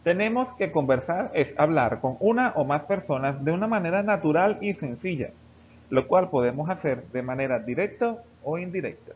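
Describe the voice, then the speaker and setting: Male teacher, higher-pitched voice, steady explanatory lesson delivery, muffled lo-fi recording. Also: moderate pace. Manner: steady explanatory delivery, addressing students directly. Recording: dull lo-fi recording with faint background hiss.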